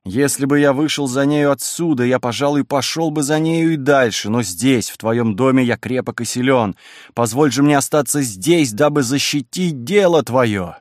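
A man voicing a stern young priest torn by temptation, speaking gravely and solemnly at a middle pitch in a dry setting. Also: moderate pace, no echo, natural voice.

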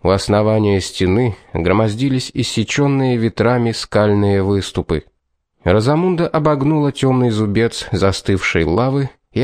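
A man narrating an audiobook in a steady, even storytelling manner. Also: fairly low pitch, no echo, studio quality. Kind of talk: scripted narration.

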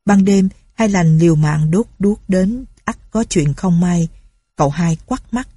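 A woman storyteller reads the tale in a measured, even way. Her voice sits low, mellow and a little husky, and the recording is dry and close. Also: dry recording. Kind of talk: reading a story aloud.

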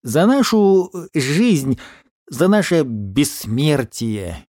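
A man voicing a boastful, tipsy man who is buying rounds, in a swaggering, drawn-out manner. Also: a little high, very animated, darkish tone, no room sound, clean studio sound, heavily acted. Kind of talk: audiobook character voice.

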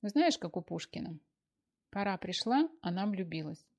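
A woman's voice: mid-range voice, big pitch swings, moderate pace, a little mellow. A woman voicing a fussy, talkative older mother who pours out anxious questions, in an audiobook. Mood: soothing. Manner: breathless stream of anxious questions. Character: fussy chattering older mother, clucking and doting. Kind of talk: audiobook character voice.

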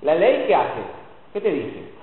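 Animated Rioplatense pastor in an echoey hall. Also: male voice, fairly high pitch, a little slow. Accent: Rioplatense Spanish. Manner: colloquial, repeats words for emphasis, asks the congregation questions. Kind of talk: evening church sermon. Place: church hall. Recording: echoey hall over a tinny phone-like line.

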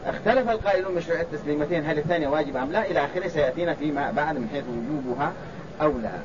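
A man's voice: on the high side, very fast, a crowd in the background. A man teaching a religious text in a classroom lecture, restating his points and quizzing his students. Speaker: sheikh teaching a hadith commentary. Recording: dull lo-fi sound with loud background noise.

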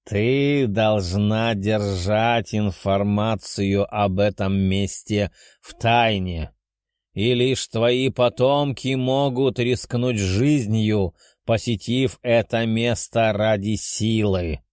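A man voicing a slow growling ancient dragon. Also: lowish voice, steady tone, darkish tone, clear, resonant tone, dry recording, clean studio sound. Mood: commanding. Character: ancient proud male dragon spirit, gruff. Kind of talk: audiobook character voice.

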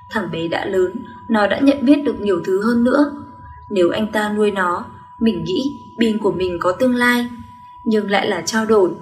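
A woman narrating a first-person romance story in a gentle, wistful way. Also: medium pitch. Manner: gentle, wistful storytelling, voicing every character herself. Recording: roomy echo.

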